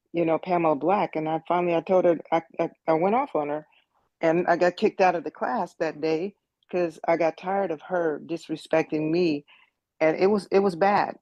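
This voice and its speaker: A woman's voice: lowish voice, darkish tone, dry recording, lo-fi sound. A woman in her sixties from the United States, giving earnest personal testimony in an online meeting and repeating words as she thinks. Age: 60s. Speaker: meeting participant.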